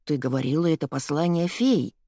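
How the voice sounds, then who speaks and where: A woman reading an audiobook, voicing an impatient young boy who speaks in a pleading, excited way. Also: sits low, fairly quick, dry recording, clean studio sound. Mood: regretful. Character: lost boy stuck young, eager and impatient.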